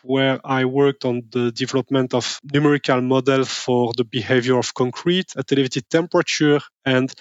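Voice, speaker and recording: A man speaking as an academic interview guest, explaining his work in a friendly, measured way. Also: medium pitch, dry recording, dull audio.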